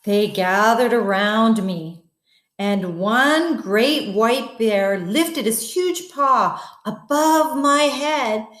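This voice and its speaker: An echoey room surrounds a woman, a guest bedtime story reader, whose fairly high voice moves through a children's story without hurry. Expressive throughout, she talks right to the young listeners and wonders aloud with questions.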